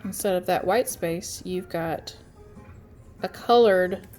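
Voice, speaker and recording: A woman's voice: on the low side, slow pace, a little mellow, soft background music. A congested woman chatting through step-by-step instructions in a casual tutorial, with frequent ums. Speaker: craft tutorial host. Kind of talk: casual screen-share tutorial.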